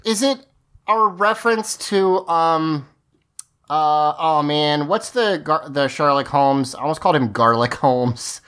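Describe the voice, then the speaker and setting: Halting man in casual podcast chat. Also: on the high side, a bit bright, clear, resonant tone. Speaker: podcast co-host. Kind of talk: casual chat recapping a TV episode.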